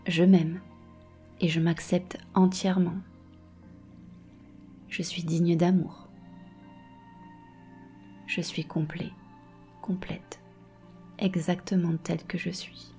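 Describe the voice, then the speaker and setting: A woman guiding a meditation softly and slowly, close in your ear, with a breathy voice that often slips toward a whisper. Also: lowish voice, flat delivery, faint music behind. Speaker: meditation and hypnosis guide. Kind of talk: guided meditation, soft and slow.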